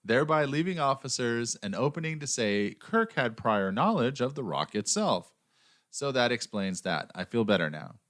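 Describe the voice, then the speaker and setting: A man's voice: medium pitch, big pitch swings, normal speed, a bit bright. An American man hosting a true-crime podcast, reading scripted narration in a dry, sarcastic way between banter. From United States. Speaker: podcast host.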